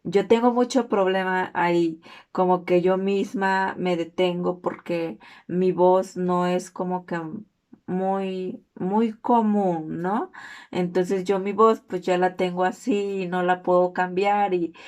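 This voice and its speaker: A young woman with a Mexican accent and a naturally hoarse voice, giving an earnest, informal class presentation. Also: fairly even intonation, slow, a little mellow. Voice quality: hoarse, low-toned voice.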